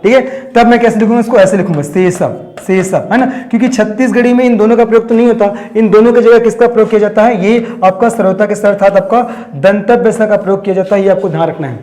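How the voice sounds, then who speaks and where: A man's voice: high-pitched, fairly even intonation, fast talker, hardly any pauses, darkish tone. A man teaching an exam-prep grammar lesson, asking his own questions and answering them, repeating key terms.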